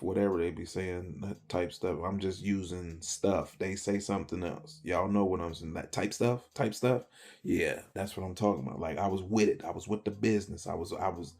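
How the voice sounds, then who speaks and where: Gravelly, husky man telling his story. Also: fairly low pitch, dark tone. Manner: emphatic, slangy, rambling storyteller. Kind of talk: personal testimony to camera. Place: speaking to a camera.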